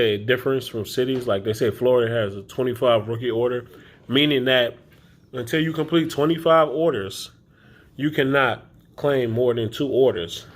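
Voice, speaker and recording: A man talking casually to camera in a loose, chatty, rambling way with many fillers, recorded as a phone video. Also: mid-range voice. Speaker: grocery delivery shopper vlogger. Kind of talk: casual vlog talk to camera.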